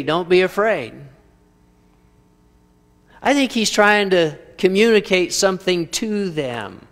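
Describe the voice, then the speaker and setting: A preacher giving a conversational sermon, asking rhetorical questions with dry humor. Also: male voice, fairly high pitch, a bit bright, big-room sound. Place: church sanctuary.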